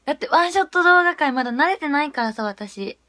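A young woman chatting casually on a livestream, giggly, swinging between murmured asides and excited squeals. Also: high-pitched, fast, dry recording. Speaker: idol livestreamer.

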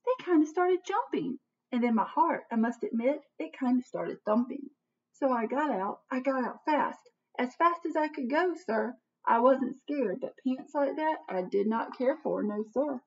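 A woman in her thirties reads a children's picture book aloud in a small home office, her high-pitched voice expressive, slow, and somewhat dark. She performs dramatically, posing questions to young listeners like a teacher. A desk-distance computer webcam captures dull, distant audio.

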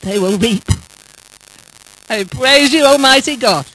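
An older woman prays in a high voice with fervent zeal. Her delivery is very slow and emphatic, with key words repeated as she speaks into a handheld mic. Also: sharp tone, no echo, low-quality recording. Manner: fervent, zealous, emphatic repetition. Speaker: prayer intercessor. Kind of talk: spoken public prayer. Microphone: handheld microphone.

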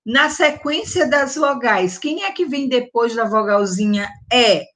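A woman teacher giving a gentle vowel lesson to young children, drawing out each sound and often checking in with the class. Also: a little high, lively intonation. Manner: slow, drawn-out enunciation with diminutives and check-ins; stresses and stretches the vowel sounds loudly. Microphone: close mic, online class recording.

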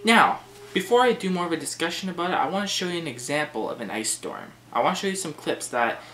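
A man hosts a homemade vlog, getting animated and cursing as he gets worked up. His voice is bright and lively, bouncing around a lot. It is caught on a camera mic in an echoey room with a faint hiss. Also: a little high, quick pace. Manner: animated, swearing, easily worked up. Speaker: vlog host. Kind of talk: casual ranting vlog.

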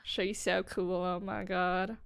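A young woman streaming a shooter game, chatting casually, swearing and getting excited about plays. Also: lowish voice, slow pace, creaky, clear, resonant tone. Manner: excitable, swears, laughs and gasps often. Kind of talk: casual gaming chat.

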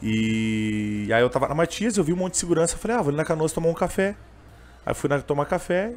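Man, gaúcho accent, young adult, rapid speech, slightly high voice, emotional and rambling storytelling. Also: lively intonation, a little mellow, faint music behind. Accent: gaúcho Portuguese. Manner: emotional, rambling, full of fillers like "cara" and "bah". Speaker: interviewee, train vendor and singer. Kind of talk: casual storytelling interview.

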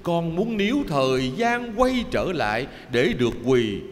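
A man voicing a grieving young son who pleads slowly and tearfully. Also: on the high side, sing-song, long reverb tail, slight background noise. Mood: anguished. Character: grieving young son sobbing over his mother.

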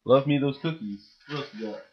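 In a home vlog shot in a small room, a young man enthusiastically shows off his grocery haul, chatting away and often restarting with fillers as he stumbles over words. He speaks into a stand-mounted studio mic while wearing headphones. His medium-pitched voice is fairly quick, with the highs cut off and some background noise.

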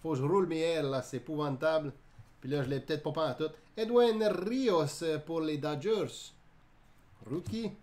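A man's voice: on the high side, moderate pace, darkish tone. A man with a Quebec French accent hosting a live card break, calling out each card in a chatty way, laughing and joking with viewers. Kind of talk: live card-opening commentary.

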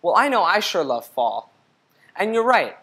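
A young man hosts a children's read-aloud of a picture book, talking straight to his young listeners and asking them questions at a clear pace. His voice is high-pitched and sharp, with big pitch swings and a normal speed. He's recorded on a lapel mic in an indoor studio set.

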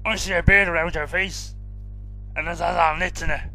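A man's voice: a little high, steady tone, a little fast, creaky, sharp tone, faint music behind. A man playing a foul-mouthed, belligerent father in a comedy voice-over, jeering erratically. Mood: grumbling, jeering. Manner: jeering, erratic, interrupting with insults. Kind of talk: comedy voice-over role-play.

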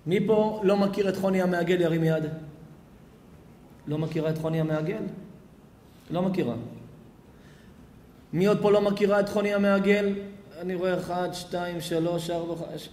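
A man preaching a sermon to a live crowd in a big, echoing hall, his voice sitting a little high for a man. He drops to soft, intimate murmurs one moment and bursts into loud scolding the next. The long reverb hangs after every phrase. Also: steady tone, long pauses, a little hiss or hum. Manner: dramatic swings from hushed, tender asides to loud scolding outbursts. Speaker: rabbi giving a Torah lecture. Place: large hall with audience.

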